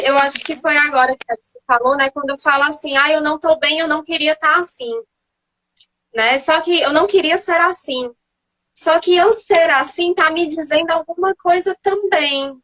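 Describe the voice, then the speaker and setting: A woman's voice: sits high, fairly even intonation, moderate pace, bright, forceful tone, poor audio. A woman on a live panel, reflecting casually and walking through her own inner dialogue. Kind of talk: casual live talk on emotions.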